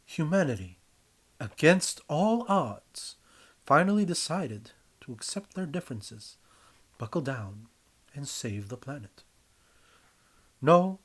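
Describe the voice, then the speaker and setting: With a husky, medium-pitched voice, a man theatrically narrates a story he wrote himself. The scripted second-person text gets a dramatic treatment, his phrasing deliberate and emphatic throughout.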